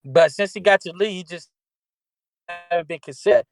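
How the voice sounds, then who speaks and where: A man's voice: high voice, fairly quick, faint music behind. A man co-hosting a sports podcast in loose, slangy casual talk, often restarting his sentences. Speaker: podcast co-host.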